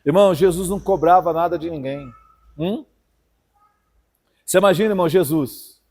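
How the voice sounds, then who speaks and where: Brazilian São Paulo preacher, man, high tenor, swings hushed to loud, long church reverb. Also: normal speed. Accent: Brazilian Portuguese, São Paulo. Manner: fiery, swings from hushed to loud, keeps calling "irmão". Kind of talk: sermon. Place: church hall.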